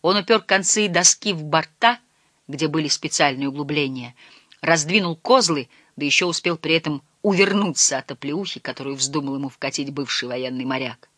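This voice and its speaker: A reader giving measured, scripted narration of a storybook. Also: medium pitch, fairly bright tone, dry recording, studio quality. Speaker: audiobook reader.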